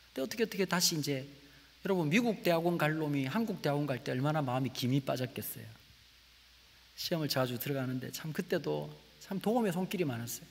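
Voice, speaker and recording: A man preaching a testimony sermon in a Gyeongsang accent, telling his story with big loud peaks and hushed asides. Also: a little high, vocal fry, breathy edge. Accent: Gyeongsang Korean. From Gyeongsang region, Korea. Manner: animated storytelling, swings between loud exclamations and hushed asides. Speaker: guest preacher. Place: church sanctuary. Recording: church hall with long reverb.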